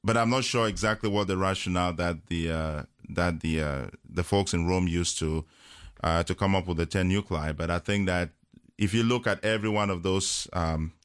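A Cameroonian man, a parish priest appearing as a guest on a radio call-in show, chats casually in the studio, speaking slowly and hesitantly with plenty of fillers and frequent chuckles. His voice is deep, clear, and resonant. The recording is dry, with clean studio sound.

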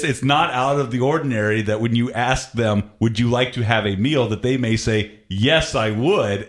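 A man hosting a radio fundraiser, upbeat and chatty, repeating the call-in number and interviewing guests in the studio. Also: on the low side. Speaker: radio host.

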